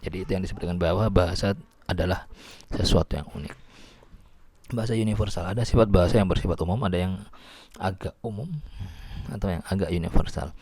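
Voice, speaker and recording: A man's voice: sits low, fast talker, long pauses, darkish tone, husky. A man lecturing on linguistics, explaining patiently and often restarting or repeating words. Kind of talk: recorded lecture.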